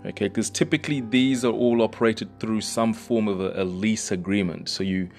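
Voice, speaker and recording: A man's voice: fairly low pitch, moderate pace, faint music behind. A man explaining real estate in a loose, conversational way, with lots of fillers and restarts. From New Zealand. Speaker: real estate broker and host. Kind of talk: casual explainer monologue.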